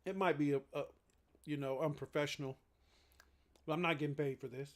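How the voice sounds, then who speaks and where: A man's voice: a little high, brisk. Chatty man doing casual game commentary. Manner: chatty, eating while talking, excited outbursts at plays. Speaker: live stream commentator.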